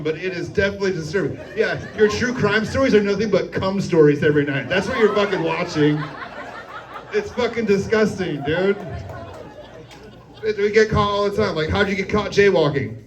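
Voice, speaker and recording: A young man with a fairly high voice does crude, brash stand-up on a club stage and laughs at his own punchlines. He is heard a little away from the mic, and a live crowd reacts behind him. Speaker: stand-up comedian. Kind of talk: stand-up comedy set. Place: comedy club stage before a live audience. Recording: live club recording, a bit far from mic, crowd audible.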